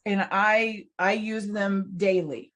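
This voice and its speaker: A woman co-hosts a recovery podcast, chatting casually about recovery and spirituality. Her medium-pitched voice is steady, slow, and a bit bright, and she reflects aloud with many restarts, laughing between thoughts.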